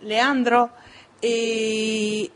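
In a radio studio, an Italian woman who used to own a restaurant answers interview questions in Italian-accented Spanish. Her voice is on the high side and flat, and she halts often, repeating and restarting her words.

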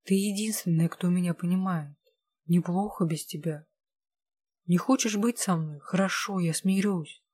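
A woman's voice: on the low side, measured pace, dark tone, slightly rough, no echo. A woman reading the part of a proud, hot-tempered young vampire empress who snaps demands and then pleads. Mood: pleading.

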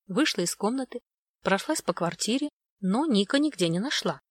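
A woman narrating a first-person story in a steady, even read, mid-pitched for her sex. The recording is dry with no room sound. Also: normal speed, no echo. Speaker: audiobook reader.

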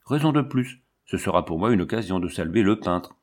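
Proud young officer, terse and clipped, read by the narrator. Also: male voice, deep voice, animated, fairly quick. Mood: curt. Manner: curt, clipped.

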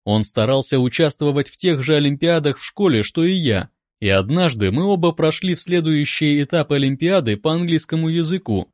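A man calmly reading a first-person audiobook in an even, wry manner, close to a studio mic. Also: fairly high pitch, brisk, few pauses, dry recording. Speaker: audiobook narrator.

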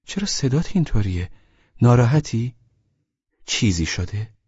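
A man's voice: mid-range voice, big pitch swings, a little mellow, slightly rough, no echo, lo-fi sound, pitched above the performer's own voice. A man voicing his character's worried, questioning mother-in-law on the phone. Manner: anxious probing questions.

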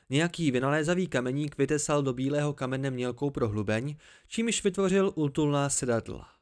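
A man narrating an amateur audiobook in a steady first-person storytelling voice. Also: medium pitch.

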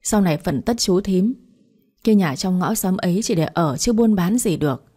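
Aggrieved village wife, indignant and wailing, low husky warm voice, read by a woman storyteller. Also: animated, moderate pace.

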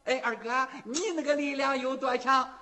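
A man's voice: very high voice, steady tone, normal speed, pushed and bright. A man voicing an earnest, timid young man who pleads eagerly with his older sworn brother in rhythmic storytelling.

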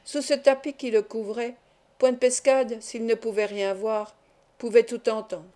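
A woman's voice: on the high side, fairly even intonation, unhurried, dark tone. A woman reading a classic adventure novel aloud as an audiobook narrator, lifting her voice for the quarrels in the dialogue. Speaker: audiobook reader. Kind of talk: scripted narration.

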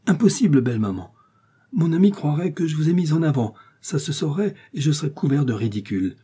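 A flustered, evasive young husband in a spoken storybook, as a male reader puts him on, stammering through excuses with a raised, strained voice. The tone is husky and rather dark underneath. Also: on the high side, very animated, brisk, voice pushed up. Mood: pompous. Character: flustered young son-in-law, man, evasive.

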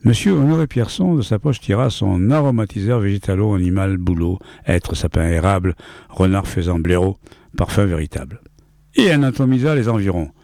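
A man reads a short story aloud in a low, gravelly voice, giving the lines a measured rhythm with a playful ear for wordplay. The sound is dry and close to the mic. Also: mellow, no echo.

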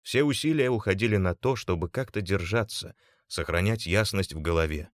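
A man with a fairly low voice narrates an audiobook in a measured, steady way. The sound is close and dry, with no room around it. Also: dry recording.

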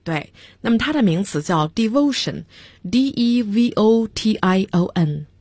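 A woman's voice: medium pitch, expressive, slow, darkish tone, dry recording, studio quality. A woman teaching English vocabulary on a radio lesson, spelling words out letter by letter and giving example sentences.

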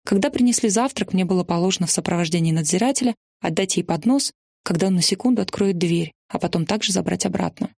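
Lady reading a prison memoir out loud, gravelly and husky, steady earnest way of telling it. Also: on the low side, quick pace, no echo, studio quality. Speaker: narrator. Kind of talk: first-person memoir reading.

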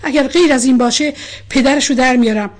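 Woman voicing a furious stern colonel father. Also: high voice. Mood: angry. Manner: shouting, scolding. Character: angry stern older colonel father, male.

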